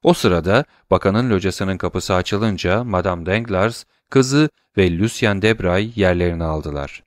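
A man narrating a classic novel in a measured literary reading. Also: low voice, no echo, studio quality. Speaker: audiobook narrator. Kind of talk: scripted narration.

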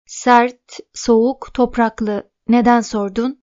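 A woman's voice: fairly high pitch, steady tone, takes it slowly, a little mellow, no echo, highs cut off. A woman voicing a serious, bossy young teenage boy who lectures his little sister. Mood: curt. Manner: stern and lecturing.

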